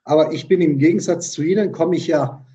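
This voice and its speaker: A man's voice: fairly high pitch, brisk, dark tone, lo-fi sound. A middle-aged man from South Tyrol, a podcast guest explaining things in a thoughtful way with many fillers and restarts. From South Tyrol, Italy. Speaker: tourism director, podcast guest. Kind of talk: conversational interview answers.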